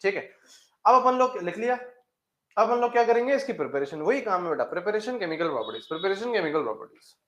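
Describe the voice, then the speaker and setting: A man's voice: high-pitched, big pitch swings, fairly bright tone. Man teaching chemistry in an echoey room. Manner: bantering with students, repeats key terms slowly. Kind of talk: live class teaching.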